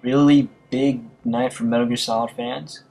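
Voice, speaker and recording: A man's voice: medium pitch, flat delivery, moderate pace, gravelly, darkish tone, poor audio. A man casually narrating gaming news and reading articles aloud, hesitating often with fillers and restarts. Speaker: gaming video commentator.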